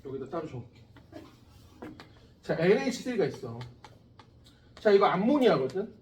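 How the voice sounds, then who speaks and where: A man in his forties teaching a science class, lively and chatty, often questioning his students. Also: high-pitched, moderate pace, echoey room, recorded from a distance, a little hiss or hum. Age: 40s. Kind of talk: classroom lecture.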